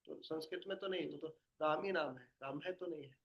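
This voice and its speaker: A man's voice: a little high, fairly quick, highs cut off. A man leading a devotional study session, explaining patiently and quizzing his listeners with questions. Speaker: spiritual teacher.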